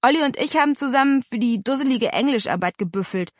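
A woman's voice: high-pitched, animated, quick pace, no room sound, studio quality, pitched above the performer's own voice. A woman doing a teasing teenage brother. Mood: grumbling. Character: joking teenage boy, long-legged older brother.

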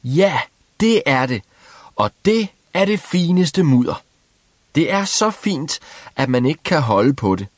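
A man voicing a cheerful, simple-minded young peasant who shouts merrily. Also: a little high, big pitch swings, dry recording, voice pushed up. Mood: exuberant.

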